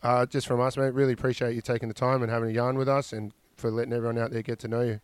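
A man's voice: medium pitch, level tone, very fast, smooth, no room sound. An Australian man co-hosting a casual podcast, chatting in the matey, blokey way of an Aussie tradesman. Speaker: podcast co-host. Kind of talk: casual chat.

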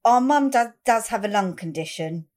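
A woman with an English accent co-hosting a casual podcast, direct and quick to chide and interject. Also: on the high side, expressive, darkish tone. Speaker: podcast co-host. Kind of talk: casual chat.

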